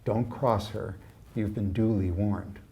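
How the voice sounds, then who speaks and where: A man's voice: fairly low pitch, steady tone, takes it slowly, warm tone. A man voicing a confident, teasing upper-class girl of about twenty, talking with breezy eagerness. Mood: conspiratorial.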